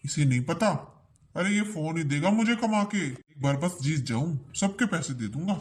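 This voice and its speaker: A woman's voice: low voice, animated, normal speed, darkish tone. A woman playing a lazy young husband who shrugs off his wife and boasts about winning big on his phone, in a family drama skit. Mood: dismissive. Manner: dismissive, boastful.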